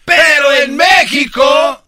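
A man's voice: very high voice, slow pace, sharp tone, dry recording, shouting. A Mexican man co-hosting a radio comedy show, reacting with laughs and quips.

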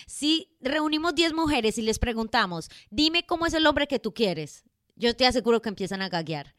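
Woman, co-host, podcast chat, playful, slow, dry close sound. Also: on the high side, expressive, a bit bright, no room sound.

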